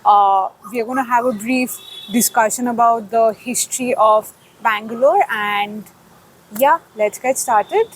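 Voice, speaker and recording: Woman host, upbeat questions, slightly high voice. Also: unhurried, slight background noise, poor audio. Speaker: interviewer host. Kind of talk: friendly interview questions.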